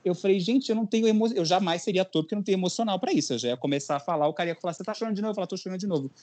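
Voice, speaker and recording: A young man from Brazil, a podcast host telling a story in casual chat, animated and acting out quotes. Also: sits high, very fast.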